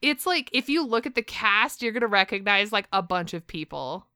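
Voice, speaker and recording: Bright, crisp woman chatting. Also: mid-range voice, moderate pace, dry recording. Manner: animated, laughing, filler-heavy. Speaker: podcast co-host. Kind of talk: casual chat.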